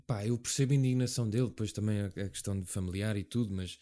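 A man's voice: fairly low pitch, fast, warm tone. A man from Portugal chatting casually as a podcast co-host, colloquial and opinionated, often checking for agreement. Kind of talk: casual chat.

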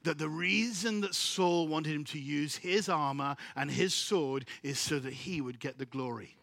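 A male preacher giving a sermon, telling a biblical story in an animated way, acting out the characters and laughing often. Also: on the high side, unhurried, creaky, dry recording.

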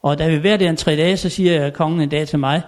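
An older man telling anecdotes in a chatty way, chuckling often and filling pauses. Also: a little high, steady tone, darkish tone. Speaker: storyteller. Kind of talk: anecdotal storytelling.

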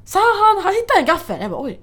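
High, lively young woman telling a story. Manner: animated, acts out other people's lines with laughter. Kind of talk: casual storytime chat.

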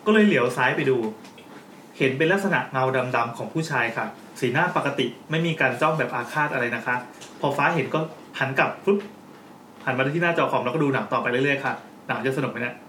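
A man's voice: medium pitch, a little fast, a bit bright, roomy sound, a little hiss or hum. A man hosting a casual live podcast, reading a listener's ghost story aloud and joking with his co-hosts.

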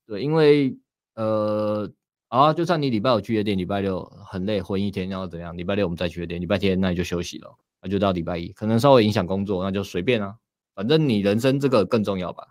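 A man with a Taiwanese Mandarin accent talks in a blunt, stern way. His voice sits a little low and moves quickly. The sound is dry and close, with no room around it. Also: a little mellow, no room sound. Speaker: dating coach. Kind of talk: casual podcast chat.

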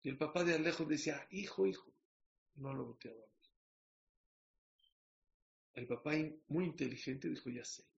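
A man's voice: on the high side, normal speed, gravelly, pauses often, highs cut off. A man preaching a sermon, telling a parable and asking his listeners questions. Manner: storytelling with questions to the audience.

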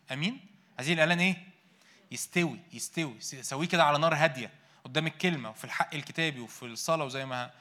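A man with an Egyptian Arabic accent delivers a sermon in a rapid, bright and forceful voice, set a little high for a man. He keeps asking the congregation questions and answering them himself, jumping from loud emphatic bursts to low, hushed asides. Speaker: preacher.

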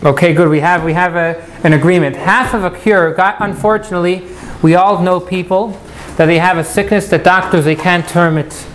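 Higher-pitched man teaching a class, noisy recording. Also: steady tone, normal speed. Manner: asks questions, polls the room, repeats key points. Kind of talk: teacher to class, interactive lecture with questions to students.

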